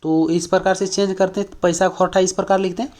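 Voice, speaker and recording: A man's voice: high voice, level tone, fast talker, darkish tone. A man from Jharkhand teaching an exam-prep language lesson, explaining step by step with lots of fillers and repeated questions to the class. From Jharkhand, India.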